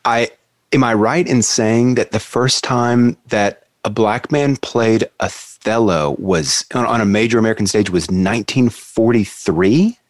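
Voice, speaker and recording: A man with a fairly low voice hosts a reflective interview. The sound is dry, with very little room on it, as he moves between conversational questions and quoted passages. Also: a little slow, no room sound.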